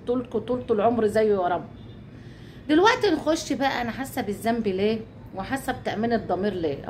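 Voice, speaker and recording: A woman's voice: fairly high pitch, slight background noise. An Egyptian woman talking casually to her viewers, chatty, swearing oaths and calling them her dear ones. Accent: Egyptian Arabic. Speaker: YouTube channel host.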